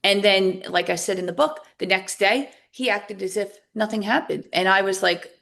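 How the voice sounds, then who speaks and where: A guest author and recovery coach tells her own story in a podcast interview, her medium-pitched, slightly bright voice moving at a normal speed with some vocal fry. She's candid, acting out both sides of old arguments and past conversations.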